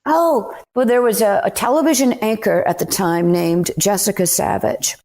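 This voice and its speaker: A middle-aged woman with a Southern US accent, a guest author telling her story in an interview with emphatic, animated delivery. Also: mid-range voice, moderate pace. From Anderson, South Carolina.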